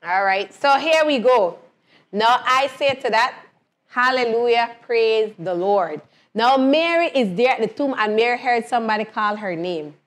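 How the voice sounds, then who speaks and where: Lively woman. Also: a little high, a little slow. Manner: asks questions and answers them herself, repeating phrases. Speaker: host leading a Bible lesson. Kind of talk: lively Bible storytelling and questioning.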